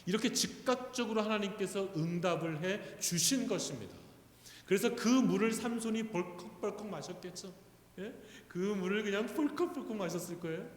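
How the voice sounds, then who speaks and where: High-voiced Korean pastor preaching. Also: male voice, lively intonation, moderate pace. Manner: asks the congregation questions, rising to loud fervent preaching. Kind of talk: sermon. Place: church sanctuary. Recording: echoey church hall.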